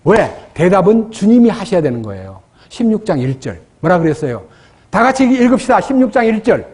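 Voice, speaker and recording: A man delivers a sermon in a church, questioning his listeners and dropping into acted prayers. His voice sits high for a man and carries a husky, breathy edge. He speaks as a pastor addressing his congregation. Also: very animated, brisk, a little mellow.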